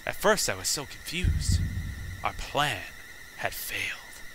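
A man voicing a cold, eerie reawakened human spirit in a slow, hushed, ominous delivery. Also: medium pitch, sing-song, a little hiss or hum, heavily acted, rough recording.

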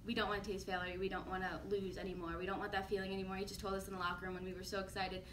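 A young college athlete talks casually through her press answers, her voice even and level. The room echoes and she sounds far from the mic. Steady noise hums behind her. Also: medium pitch, racing. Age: young adult. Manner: casual, says like and um. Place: office-like room, indoors. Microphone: far camera.

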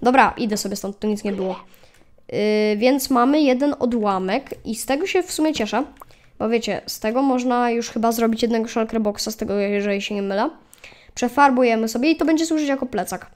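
Woman, higher voice, casual let's play commentary, chatty, excitable yelps. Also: fairly quick. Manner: chatty, talks to viewers and mobs, yelps when attacked. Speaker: gaming channel host.

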